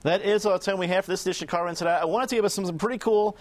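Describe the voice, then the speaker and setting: A man hosting a public television political roundtable, brisk and keeping the panel moving. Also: high-pitched. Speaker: show host.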